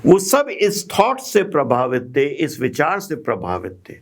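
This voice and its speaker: Male scripture teacher, unhurried, measured and explanatory. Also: fairly high pitch, wildly swooping pitch. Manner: slow, patient, with frequent pauses and fillers. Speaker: Bible teacher. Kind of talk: explaining scripture in a group Bible study.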